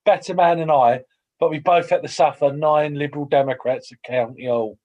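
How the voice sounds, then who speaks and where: A man's voice: fairly high pitch, steady tone, normal speed, a little mellow, lo-fi sound. A man chairing a council committee meeting, making wry joking asides.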